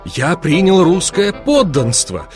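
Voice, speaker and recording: A man's voice: a little high, very animated, slow pace, music in the background. A man reading an audiobook, voicing a panicked middle-aged banker who pleads in frightened, rising outcries.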